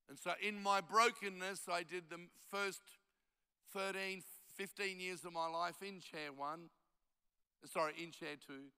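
In this clip a man in his seventies, a pastor who grew up in Australia with Italian parents, preaches a conference sermon full of self-deprecating stories and emphatic exhortation. His voice is a little high and gravelly, bright and forceful, recorded cleanly with a long reverb tail.

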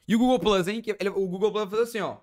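A young man with a Brazilian accent, streaming and reacting excitedly with lots of slang and exclamations. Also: high-pitched, very fast. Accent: Brazilian Portuguese.

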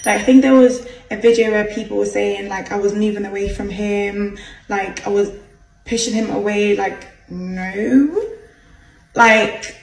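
A young woman in her twenties telling her side of a story to her phone camera in a bright room, talking casually and in exasperation with lots of fillers. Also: medium pitch, fairly even intonation, measured pace, vocal fry. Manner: chatty, exasperated, many "like" fillers. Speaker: vlogger. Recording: echoey room, slightly distant, faint hiss.

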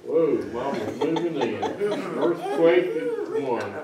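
An older man with a high-leaning voice whose pitch swoops wildly speaks slowly over a noisy crowd. He's a pastor sitting among the kids in a small church, delivering a folksy, teasing children's sermon. The far camera mic gives it a roomy, distant church sound.

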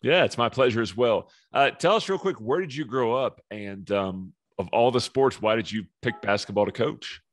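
A man hosting a podcast, reading a brisk, upbeat intro and asking his guest questions. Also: medium pitch, no echo, clean studio sound. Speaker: podcast host. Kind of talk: scripted intro and interview questions.

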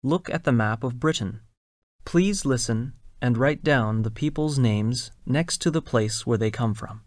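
A man's voice: mid-range voice, unhurried, no room sound, clean studio sound. A man reading scripted lines and instructions for a listening exercise, enunciating carefully and spelling out names. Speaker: exam recording reader.

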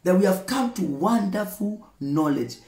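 Faint music plays behind a Kenyan pastor in his thirties as he preaches a livestreamed daily devotional, filmed close up on a phone in an indoor room with a screen and flowers. His voice is high-pitched with lively intonation and a darkish tone, at a measured pace, and the sound is roomy. He gestures a lot and uses emphatic, repetitive phrases.

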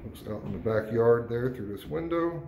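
In bare, echoey rooms, a man who works as a real estate agent narrates a house tour on a handheld phone camera, talking at a medium pitch and moderate pace. He keeps it relaxed and informal, correcting himself slightly now and then, and faint background noise can be heard.

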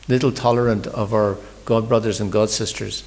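A man's voice: on the low side, steady tone, normal speed, a little mellow, in a large hall. A man giving a morning scripture class, talking in a conversational storytelling sermon, often repeating words as he restarts. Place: large temple hall.

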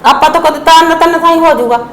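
An actress playing a sharp-tongued older mother-in-law in a Punjabi village family drama, blunt and scolding, with a Punjabi accent. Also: very high-pitched. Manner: blunt, scolding, quick retorts. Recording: echoey room with loud noise.

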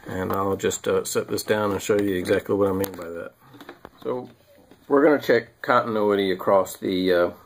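A middle-aged man demonstrating how to test a part, unhurried, with frequent ums and restarts. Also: fairly low pitch, a little hiss or hum. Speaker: HVAC technician. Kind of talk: hands-on repair demonstration. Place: small home room.

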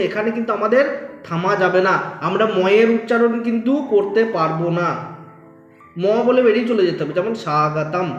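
A man's voice: high voice, muffled recording. A man with a West Bengal accent teaching a lesson, patiently repeating words and checking that his students follow. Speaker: Sanskrit teacher. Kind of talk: classroom-style lesson explanation. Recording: roomy echo.

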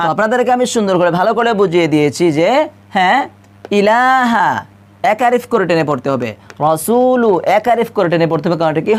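A woman teaching how to recite the call to prayer, asking herself questions and answering them, stretching out the example phrases as she chants them. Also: on the low side. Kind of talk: explaining the correct call to prayer.

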